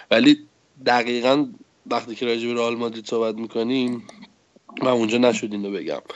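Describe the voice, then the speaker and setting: Male podcast pundit, mid-pitched, builds detailed tactical arguments; a little dull and lo-fi. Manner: long, analytical, argumentative turns. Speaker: football podcast co-host. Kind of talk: casual football analysis. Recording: slightly dull, lo-fi sound.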